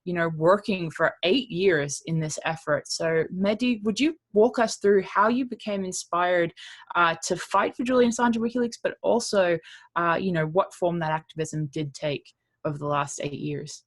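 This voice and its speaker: A woman's voice: on the low side, normal speed. A woman hosting a live online vigil, introducing her guest and asking questions, friendly with some fillers.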